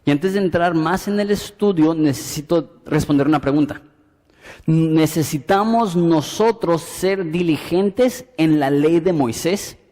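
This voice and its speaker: A man's voice: a little high, long reverb tail. A man preaching a Bible study sermon, acting out dialogue and reading scripture aloud. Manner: animated, acts out dialogue and reads scripture aloud. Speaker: pastor.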